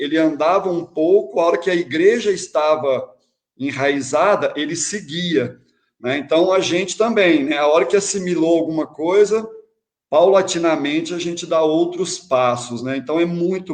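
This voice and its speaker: Reflective man hosting with frequent "né". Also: a little high. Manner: reflective, many tag questions. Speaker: host. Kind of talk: spiritist online talk.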